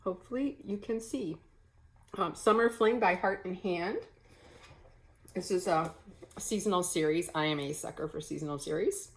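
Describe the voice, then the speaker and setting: A woman's voice: on the low side, normal speed, pauses often, low-quality recording. A woman chatting casually to camera at home in a crafting vlog, rambling with many fillers and self-corrections. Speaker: cross-stitch vlogger. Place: home, early morning.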